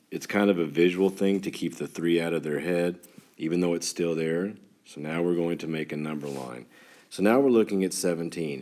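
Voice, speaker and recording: A man with a very low voice and a clear West Texas twang teaches like a schoolteacher talking to his students. His delivery is informal and folksy, explaining things step by step. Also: a little mellow. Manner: folksy, talks as if to a class of children. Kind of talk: instructional math lesson for students, informal.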